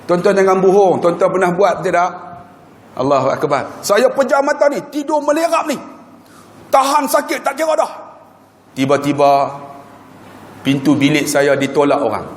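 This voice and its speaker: A man, preaching a storytelling sermon and acting out voices, swinging from loud to hushed. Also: high voice, fairly even intonation, normal speed, pauses often. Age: 40s. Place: mosque hall. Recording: echoey mosque hall.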